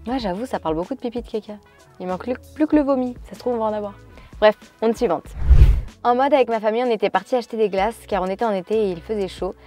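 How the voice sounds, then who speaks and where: A woman vlogger chatting casually, reading out viewers' stories and reacting to each one in an animated way. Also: fairly high pitch, fast talker, soft background music.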